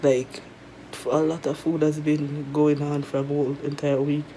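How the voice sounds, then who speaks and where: Jamaican woman, sore-throated after tonsil surgery, mellow. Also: deep voice, little pitch movement, normal speed, slight background noise, low-quality recording. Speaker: vlogger. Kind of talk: casual chat to viewers. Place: resting at home in bed.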